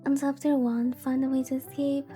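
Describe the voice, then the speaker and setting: This VTuber streamer has a high, dark-toned voice that stays level at a moderate pace. She chats casually while playing a visual novel, rambling and playfully thinking out loud over the game's music.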